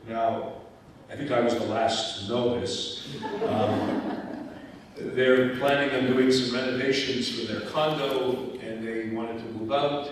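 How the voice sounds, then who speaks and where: A man's voice: medium pitch, steady tone, slow, slight background noise. Wry older man talking in an echoey hall. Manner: wry, chatty, many restarts. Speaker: guest speaker. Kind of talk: conversational talk. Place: large hall. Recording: echoey hall recording from far off.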